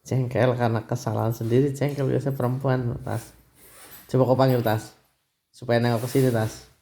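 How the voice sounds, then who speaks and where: A man's voice: medium pitch, level tone, normal speed, dark tone. A middle-aged man, a father filming his family at home on a phone and teasing them in casual chat. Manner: teasing, chatty, keeps addressing his daughter.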